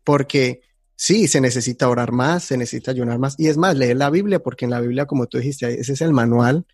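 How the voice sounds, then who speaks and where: A man on a faith talk show with a middle-pitched voice. He explains his ideas reflectively, setting one example against another. The sound is close and dry. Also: a little fast, a little mellow, breathy edge, dry recording.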